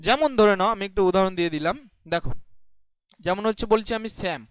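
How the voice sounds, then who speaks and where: High-voiced male teacher explaining grammar. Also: fast, fairly bright tone, smooth, no room sound. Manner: asks questions then answers them himself; explaining patiently, checking in often. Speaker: English teacher. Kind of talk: classroom grammar lesson.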